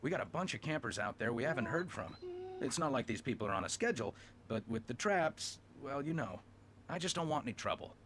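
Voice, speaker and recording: A man's voice: mid-range voice, sing-song, a little fast, background noise, close to an everyday voice. An actor playing a worried small-town male park ranger in a video game, speaking hesitantly and fretfully. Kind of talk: video game dialogue acting.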